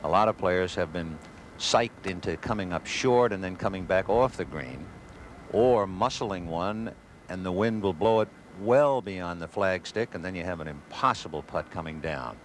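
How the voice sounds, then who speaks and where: A man's voice: low-pitched, lively intonation, normal speed. A man giving live golf commentary with wry, wisecracking asides. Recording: noisy outdoor broadcast with crowd, 1980s. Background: outdoor gallery crowd and ambience.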